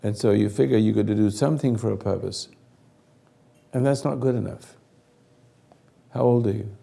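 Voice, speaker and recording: Older guy leading a talk, voice shot and gargly, super gravelly, earnest and halting. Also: on the low side, mellow. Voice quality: gargling, raspy, failing voice. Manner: earnest, emphatic, halting phrases. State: hoarse, throat-clearing. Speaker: host leading a group conversation. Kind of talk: spoken counselling talk to a group.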